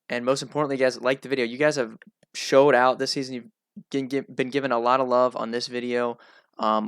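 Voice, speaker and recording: A nasal-voiced man hosts a casual solo analysis show, keeping a chatty, relaxed tone. His delivery stays fairly level in pitch, with a gravelly fry underneath. The sound is close and dry. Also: no echo. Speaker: host.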